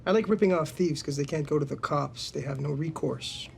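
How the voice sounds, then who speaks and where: Brief: menacing young criminal, gravelly and clipped. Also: male voice, fairly quick, heavily acted. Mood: cold. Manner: low, threatening, clipped. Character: menacing young male criminal, cool and threatening.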